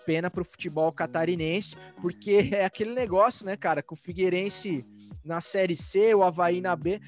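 Male podcast host, high voice, lively and jokey, faint music under. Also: moderate pace. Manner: animated, joking, many restarts. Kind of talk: casual chat.

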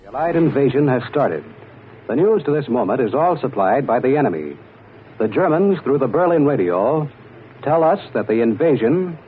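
A man reading a formal wartime news bulletin in a measured announcer's delivery, heard as an old 1940s radio broadcast played from the archive. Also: mid-range voice, breathy edge. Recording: tinny narrow-band archival radio recording.

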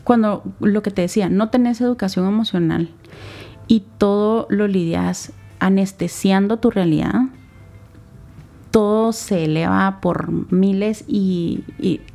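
Young woman, Guatemalan accent, interview guest; warm, dark voice, reflective and halting. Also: mid-range voice, gravelly, faint music behind. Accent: Guatemalan Spanish. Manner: earnest, reflective, speaks in short halting phrases. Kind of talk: personal testimony in a sit-down interview.

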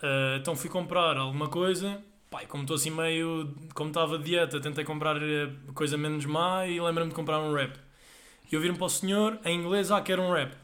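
A young man with a European Portuguese accent, a padel player chatting as a guest and telling stories in a lively way, quick to laugh. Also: a little high. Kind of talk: casual podcast chat.

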